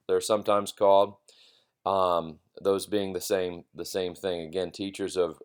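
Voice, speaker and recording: A man giving an informal philosophy lecture in a halting, reflective way, repeating phrases for emphasis. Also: deep voice.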